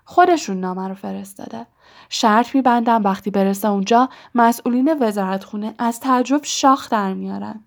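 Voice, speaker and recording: A woman voicing a determined young schoolboy who speaks urgently and low in a storybook reading. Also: vocal fry, natural voice. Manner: urgent and hushed.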